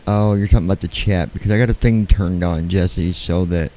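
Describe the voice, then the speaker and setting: A man live-streaming in casual, halting talk, keeping his voice quiet at night so as not to wake anyone. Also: deep voice, steady tone, slight background noise, low-quality recording. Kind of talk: casual chat, flight sim livestream. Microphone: handheld studio microphone.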